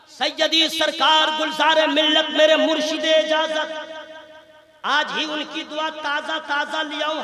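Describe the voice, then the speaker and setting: A man preaching a sermon at a large gathering, moving from quiet teasing asides to fervent shouting. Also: very high-pitched. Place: large gathering, religious meeting. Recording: echoey hall with a crowd. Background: crowd.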